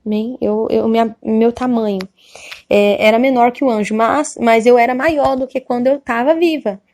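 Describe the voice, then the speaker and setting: A woman's voice: on the high side, fairly even intonation, moderate pace, darkish tone. Earnest Brazilian woman giving testimony. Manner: earnest, repetitive, hesitant retelling. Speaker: testimony speaker. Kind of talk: religious testimony.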